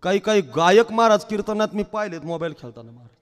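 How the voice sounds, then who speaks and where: A man giving a devotional sermon, telling stories in a shifting voice from quiet asides to loud calls and breaking into slow song. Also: high-pitched, animated. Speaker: kirtan preacher. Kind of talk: devotional sermon with sung verses. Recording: long hall reverb, faint music.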